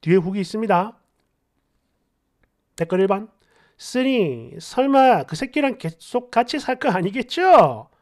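A woman's voice: medium pitch, very animated, a little slow, pauses often. A woman reading a story aloud in an indignant, confiding way. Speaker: story narrator.

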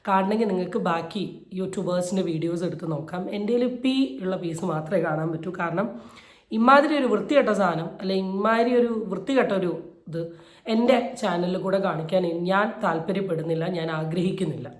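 A YouTube commentator with a lowish, brisk voice gives her opinion on a viral video, sounding indignant and emphatic as she repeats phrases to hammer her points home. The recording is roomy and echoey.

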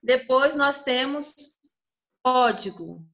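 A woman's voice: high voice, lively intonation, fairly bright tone, highs cut off, faint music behind. A woman teacher with a Brazilian Portuguese accent giving an online grammar lesson, stretching out her example words and often checking in with the class. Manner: drawn-out syllables, frequent check-ins with the class.

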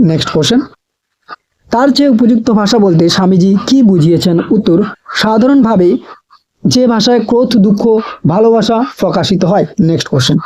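Male tutor, high mellow voice, brisk question-and-answer drill, checks understanding as he goes. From West Bengal, India. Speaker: teacher. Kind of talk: reading exam questions and answers aloud.

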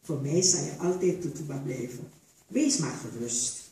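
A woman's voice: sits low, animated, normal speed, warm tone. A woman voicing a soothing, resigned older village woman during a book reading. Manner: soothing, reassuring. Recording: echoey theater hall from far off.

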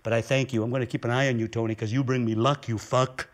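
A man's voice: medium pitch, flat delivery, quick pace, pitched below the performer's own voice, natural voice. A man doing a cocky, foul-mouthed stage actor. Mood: pumped. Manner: swearing, boastful, rambling. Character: cocky swaggering male stage actor, crude and pumped up.

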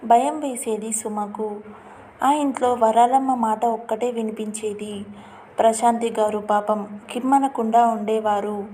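Mellow woman storyteller narrating. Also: on the high side, steady tone, unhurried, slight background noise.

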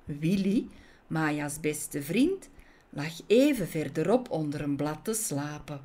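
Slow, melodic woman reading a children's story. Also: low-pitched, expressive, warm tone.

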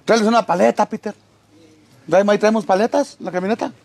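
Visiting an elderly man, a vlogger with a Mexican accent jokes and teases him in casual conversation while reading out viewers' greetings. He is a fast talker with a high-pitched voice, vocal fry and a darkish tone.

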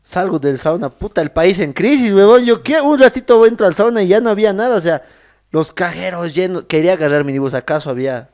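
Young Bolivian male co-host, bantering, animated. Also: high-pitched, brisk. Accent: Bolivian Spanish. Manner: joking, slangy banter. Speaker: podcast co-host. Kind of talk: casual chat.

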